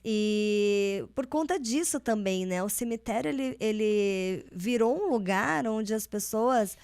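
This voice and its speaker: A woman's voice: medium pitch, takes it slowly, darkish tone, clean tone, dry recording, studio quality. A woman co-hosting a podcast, reflecting in a casual, conversational way. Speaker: podcast co-host. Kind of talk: casual chat.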